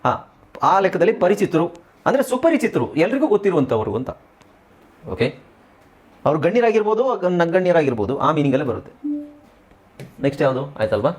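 A man with a Kannada accent teaching an English class online, drilling word lists slowly, then explaining briskly. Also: on the high side, sing-song.

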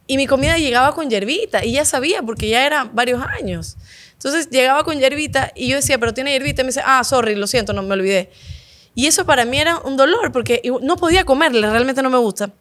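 A woman in her thirties hosts a relaxed, personal conversation with a guest. Her voice sits fairly high, and she stresses points by repeating words. She sounds open and expressive. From Ecuador. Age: 30s. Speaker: talk show host. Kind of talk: casual heartfelt chat.

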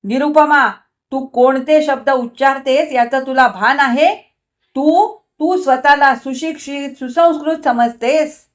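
A woman's voice: high-pitched, unhurried, pitched above the performer's own voice. A woman voicing an angry, scornful husband in a storybook reading, sneering and biting.

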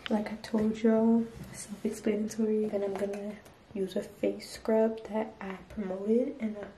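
A woman's voice: medium pitch, level tone, measured pace, mellow, a little hiss or hum. A teenage girl from Boston chatting casually and slangily straight to her viewers in a vlog. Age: teens. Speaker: vlogger.

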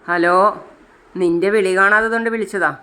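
A narrator voicing an anxious older mother, asking worried questions in a smooth voice. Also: mid-range voice, steady tone, moderate pace, sharp tone, natural voice.

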